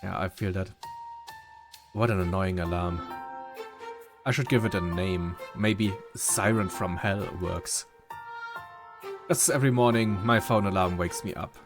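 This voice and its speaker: Let's-play gamer, male, lowish voice, reads game text with feeling, chats in between, game music behind. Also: a little slow, long pauses. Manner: reads dialogue with feeling, breaks off for asides. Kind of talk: reading visual novel text aloud with commentary. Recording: music playing clearly behind.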